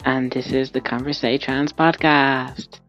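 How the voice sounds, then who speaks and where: A woman co-hosting a podcast, reading the show's opening and asking the guest halting, searching questions. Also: a bass voice, steady tone, a bit bright, dull audio, faint music behind. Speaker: podcast co-host.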